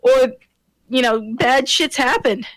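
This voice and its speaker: High-voiced woman chatting casually. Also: slow, no echo, rough recording. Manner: rambling, many fillers and restarts. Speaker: podcast co-host. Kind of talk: casual gaming chat.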